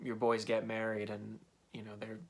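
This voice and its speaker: A man's voice: fairly low pitch, completely flat delivery, moderate pace, creaky. A man giving a casual spoken film review, rambling with lots of "like", correcting himself and acting out quotes. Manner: rambling, full of "like" and self-corrections, acts out quotes.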